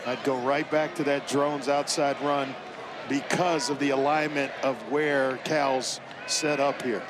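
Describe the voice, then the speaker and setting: A man's voice: mid-range voice, flat delivery, measured pace. A man working as color commentator, giving live college football analysis. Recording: loud stadium crowd and noise. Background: roaring stadium crowd.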